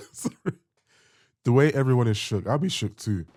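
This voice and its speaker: A man's voice: mid-range voice, expressive, moderate pace, darkish tone, no room sound. A man giving casual reaction commentary as host, musing aloud in informal language.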